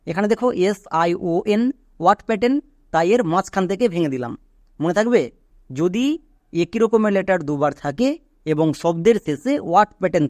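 Step by step, a man walks through English pronunciation, constantly raising questions only to answer them himself. He has a high voice with a darkish tone. It's a spoken lesson recorded close and dry, without any room sound.

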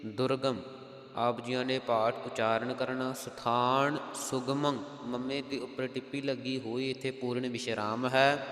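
A man with a Punjabi accent who teaches scripture recitation. He chants verses in a slow, melodic way and then explains their pronunciation in quick spoken asides. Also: medium pitch, level tone, fairly bright tone. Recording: echoey hall sound.

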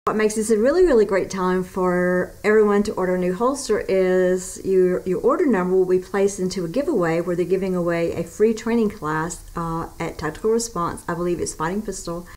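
A woman in her forties with a Deep South American accent, chatting upbeat and emphatically to camera as a channel host. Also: brisk, hardly any pauses, darkish tone. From southern United States. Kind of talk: chatty promotional vlog to camera. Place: small carpeted room indoors.

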